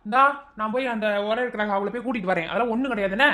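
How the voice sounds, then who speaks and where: A woman playing a brisk reassuring older relative. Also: on the high side, a bit bright, natural voice. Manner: reassuring and matter-of-fact, chides the husband. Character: calm older female relative, reassuring and scolding. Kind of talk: amateur village drama acting.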